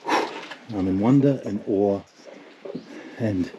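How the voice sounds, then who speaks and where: A man's voice: on the low side, very slow. A man leading a motorcycle tour, narrating a travel vlog at mountain monasteries in a reverent, wondering way. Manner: wondering, softly reverent in temples. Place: outdoors and inside mountain monasteries. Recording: noisy outdoor recording.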